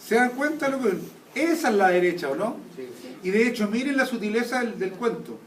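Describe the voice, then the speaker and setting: An extremely high-pitched male voice, brisk and lively in intonation, leads an anatomy class and never stops quizzing students with check questions. It's a classroom lecture recorded from a distance in an echoey space with faint noise.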